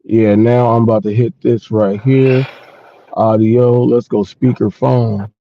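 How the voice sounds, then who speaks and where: A man's voice: mid-range voice, steady tone, takes it slowly, dry recording. A man hosting a live stream, doing mic checks over a glitchy connection that makes his voice sound robotic and frozen. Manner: repeats mic checks, calls off-screen helper. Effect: glitchy robotic call audio. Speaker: livestream host. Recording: dull lo-fi call line, dry.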